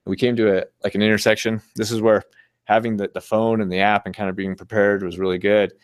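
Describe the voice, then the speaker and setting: A man's voice: lowish voice, little pitch movement, quick pace, clean tone, no echo. A man giving a casual, rambling talk with slides, easygoing and chuckling often. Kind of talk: casual storytelling presentation with slides.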